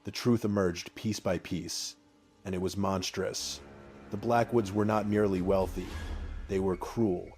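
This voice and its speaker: A man with a low, weighty voice reads a scripted horror story in the first person. His delivery is solemn and measured, leaving deliberate pauses between short phrases. Soft music plays behind him. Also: steady tone.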